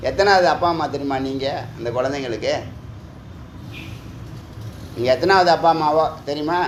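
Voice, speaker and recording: A man delivers a spiritual talk, firing rhetorical questions at his listeners and scolding them with a teasing edge. His voice sits fairly high. It rings in an echoey room over a faint hum of background noise. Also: normal speed. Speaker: spiritual teacher. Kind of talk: Tamil discourse on scripture.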